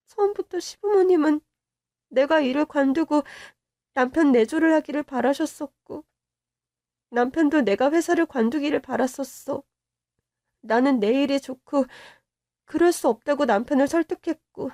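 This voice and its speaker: A woman's voice: high voice, warm tone, no echo, studio quality. A woman narrating a first-person story in a subdued, confiding way.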